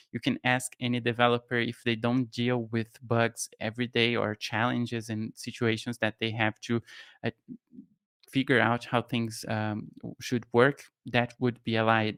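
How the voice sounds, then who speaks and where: A young Brazilian man with a Brazilian Portuguese accent casually talks through a no-code tutorial on a live stream, thinking aloud with lots of fillers and restarts. His medium-pitched voice is fairly bright and clean, captured with clean studio sound and no room sound. He's in a home studio room with shelves, using a studio mic on a boom arm and wearing headphones.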